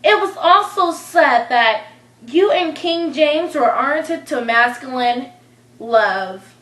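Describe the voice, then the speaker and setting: A woman playing a probing talk-show interviewer in an amateur skit, asking slow, insinuating questions. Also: high voice, lively intonation, fairly bright tone, full character voice. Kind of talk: amateur skit role-play. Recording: echoey room.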